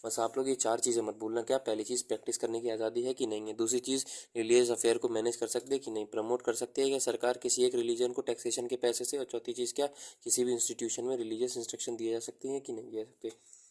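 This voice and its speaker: A young man giving an exam-prep lecture in a mellow, fairly flat voice. He talks slowly, repeats key terms as he writes them down, and mixes Hindi with English terms. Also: mid-range voice. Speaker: teacher.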